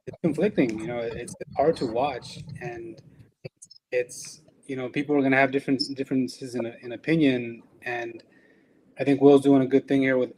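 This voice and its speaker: A man's voice: medium pitch, noisy background. A man from El Salvador, an electrician and business owner, speaking earnestly and reflectively in a casual conversation.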